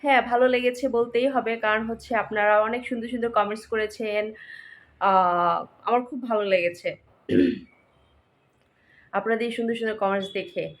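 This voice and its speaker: A woman vlogger speaks with a Narsingdi Bengali accent in a slightly high voice. She chats casually and apologetically to her viewers, mixing English words into her talk. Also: fairly even intonation, a little fast, pauses often. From Narsingdi, Bangladesh. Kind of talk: casual vlog chat to viewers.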